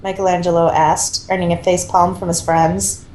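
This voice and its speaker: Her voice is on the low side and darkish, with a flat delivery at a moderate pace as she co-reads a fan fiction story. The reading is amateur and sprinkled with casual asides, captured in an echoey room with faint noise.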